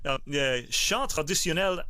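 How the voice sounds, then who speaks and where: A man co-hosting a music podcast in casual chat, halting and stumbling over foreign words with a laugh. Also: fairly high pitch, sharp tone, clear, resonant tone, dry recording. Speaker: co-host of a classical music podcast.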